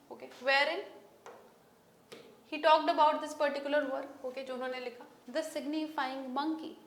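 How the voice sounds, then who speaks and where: A young woman with an Indian English accent teaches an exam-prep lecture in a high voice. She dictates English terms slowly and switches to quick Hindi asides, with "okay" after nearly every phrase. Her voice echoes around the room. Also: a bit bright.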